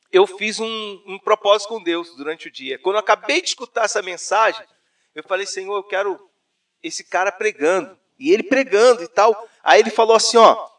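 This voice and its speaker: A Brazilian man with a fairly high voice tells a personal story to an interviewer. He is animated and slangy, and the mic sits some way off from him. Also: distant mic. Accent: Brazilian Portuguese. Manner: animated storyteller, says "cara" often. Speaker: interview guest. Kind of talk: personal testimony, casual conversation.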